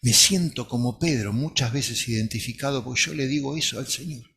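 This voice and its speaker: A man's voice: medium pitch, a little fast, creaky, bright, forceful tone, slightly rough. A man preacher giving a sermon, retelling a scene with earnest, imaginative storytelling.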